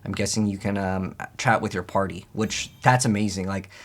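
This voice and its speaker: A man's voice: low-pitched, fairly even intonation, normal speed. A man giving casual, rambling, conversational gameplay commentary as the host of a gaming video. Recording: game music behind the voice. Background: video game music.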